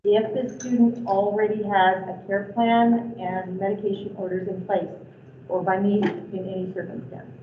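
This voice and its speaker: A woman's voice: medium pitch, little pitch movement, moderate pace, background noise. A woman, a school nurse, answering a board's questions in a matter-of-fact, detailed way. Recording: echoey room, tinny far-off mic.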